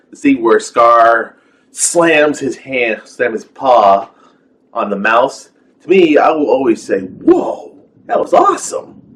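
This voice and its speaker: Male reviewer, unhurried and rambling, mid-range voice, casual complaint. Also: mid-range voice, a bit bright, rough recording. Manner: rambling, filler-heavy, with exasperated rhetorical questions. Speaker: film reviewer. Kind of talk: casual rant.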